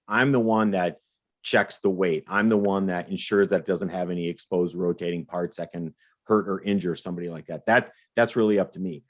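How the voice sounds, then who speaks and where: A man co-hosting a live question-and-answer stream, explaining regulations in a clarifying way and often repeating words as he restarts sentences. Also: low voice. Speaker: co-host.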